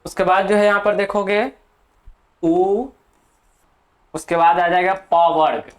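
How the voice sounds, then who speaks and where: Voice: mid-range voice, steady tone. A teacher giving a grammar lesson for exam students, dictating for notes, repeating key terms and often checking in with the class. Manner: slow, deliberate, dictating for notes.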